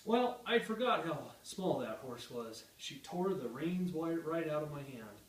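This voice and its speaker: Animated cowboy poet with a Western twang, echoey. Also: male voice, a little high, unhurried. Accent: Western American. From Utah, United States. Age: 30s. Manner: animated, dramatic delivery. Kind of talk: recited rhyming cowboy poetry, storytelling. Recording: echoey room, distant microphone.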